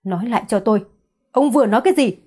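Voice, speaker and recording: A woman's voice: fairly high pitch, racing, dark tone, slightly rough. A woman reading the lines of a stern, commanding young father in an audiobook. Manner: curt, commanding.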